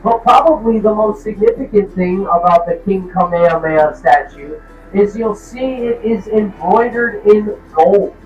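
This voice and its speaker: A man's voice: high voice, roomy sound. A man guiding a trolley tour, giving riders informative commentary, recorded from a distance on the moving trolley. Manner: informative, addresses riders directly. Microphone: distant, recorded by a tourist's camera.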